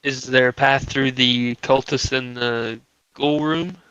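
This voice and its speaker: A man playing a tabletop game, thinking aloud with hesitant pauses. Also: medium pitch, fairly even intonation, bright, forceful tone, clean tone, dry recording, muffled recording. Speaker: player. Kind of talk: tabletop game planning chat.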